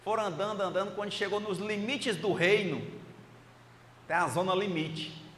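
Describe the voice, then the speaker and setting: Brief: a male storyteller preacher, high and bright voice, asks the crowd questions, hall reverb. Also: moderate pace. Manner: lively, animated storyteller who asks the audience questions. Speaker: speaker at a spiritist meeting. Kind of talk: storytelling sermon. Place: spiritist center meeting hall. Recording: echoey hall, faint noise.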